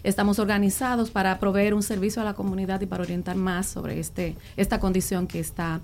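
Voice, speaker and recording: A woman from the Republic, talking earnestly as a special education guest on a panel, often pausing and restarting. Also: mid-range voice, little pitch movement, a little mellow, a little hiss or hum. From Dominican Republic. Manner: earnest, with frequent fillers and restarts. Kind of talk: panel talk.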